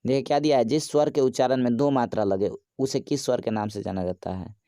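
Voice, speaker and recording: A man's voice: mid-range voice, quick pace, dark tone, dry recording, studio quality. Casual man teaching a quiz. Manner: casual, chatty, asks viewers for likes. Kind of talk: quiz lesson.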